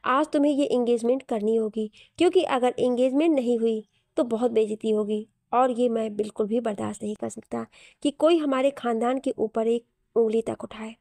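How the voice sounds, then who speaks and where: A commanding older king and father with firm, weighty orders, as a woman storyteller puts him on. The voice stays fairly high and mellow, close and dry in a storybook reading. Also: moderate pace, no room sound, lightly acted. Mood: stern. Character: stern royal father, older man, commanding.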